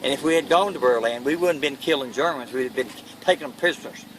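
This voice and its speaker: An elderly man with a Kentucky accent recalling war service in a plain-spoken, halting interview style. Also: mid-range voice. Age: elderly, 80s or older. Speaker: World War II veteran being interviewed. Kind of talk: first-hand war recollection. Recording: noisy, distant mic, vehicle-like background noise.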